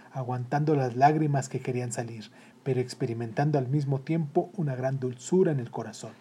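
A storyteller reading a children's story in a calm, steady way. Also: mid-range voice, husky. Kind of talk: scripted narration of a children's story.

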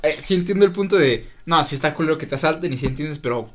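Man, Mexican accent, casual chat, crude slang, bouncing pitch, fairly high voice. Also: lively intonation, quick pace. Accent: Mexican Spanish. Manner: crude slangy banter, laughs loudly.

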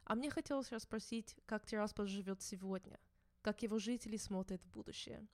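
A woman who grew up in the United States, narrating her podcast in a calm, measured storytelling manner. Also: mid-range voice, no room sound. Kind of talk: scripted narration.

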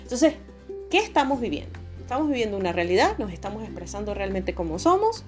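Female podcast host, mid-pitched, expressive and emphatic casual monologue with background music. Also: quick pace. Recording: music behind the voice.

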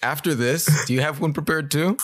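A man's voice: a little high, a little fast, fairly bright tone, no room sound, studio quality. A man on a podcast chatting casually, rambling a little and laughing easily. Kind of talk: casual chat.

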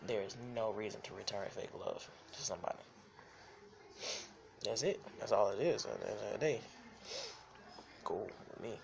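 A man's voice: on the low side, normal speed, creaky, long pauses, noisy background. A young man hosting a podcast, telling candid, profane stories and laughing often. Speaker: podcast host. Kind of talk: casual storytelling monologue.

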